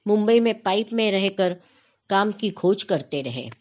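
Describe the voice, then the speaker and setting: A woman explaining devotional verses in a measured talk, often repeating a phrase as she searches for the next word. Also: mid-range voice, expressive. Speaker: spiritual teacher explaining verses. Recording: dull lo-fi recording.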